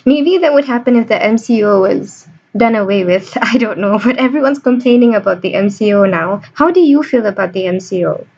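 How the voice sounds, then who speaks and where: A young woman hosts a student podcast in a mid-range, expressive voice that's a little mellow, talking briskly with few pauses. She's bubbly and theatrical, joking her way through the interview. The home recording is dull and lo-fi, with a little hiss or hum.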